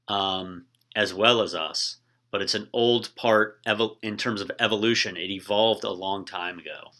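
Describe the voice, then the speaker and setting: Bright-voiced man lecturing casually. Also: lowish voice. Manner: relaxed, with frequent ums and uhs. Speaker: teacher.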